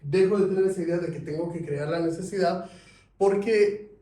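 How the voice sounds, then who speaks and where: A man teaching a sales class, lively, asking his students questions. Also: high voice, moderate pace. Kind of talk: classroom lecture. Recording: echoey room, mic at a distance.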